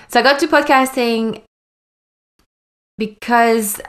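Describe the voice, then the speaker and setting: A woman's voice: on the high side, slow, fairly bright tone. Chatty Belgian-born woman in her forties. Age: 40s. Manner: chatty, laughs often, rambling restarts. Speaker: podcast guest. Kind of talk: casual interview chat.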